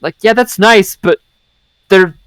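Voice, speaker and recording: A man's voice: high-pitched, measured pace, a bit bright, clear, resonant tone, no room sound. A young man chatting casually on a podcast, swearing often and rambling with fillers. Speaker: podcast co-host. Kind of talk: casual chat.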